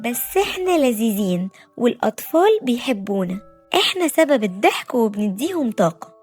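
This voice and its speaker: A woman's voice: a little high, sing-song, moderate pace, darkish tone, faint music behind. A woman with an Egyptian Arabic accent voicing a proud, boastful male fruit juice in a children's storybook. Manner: boastful, then sheepish.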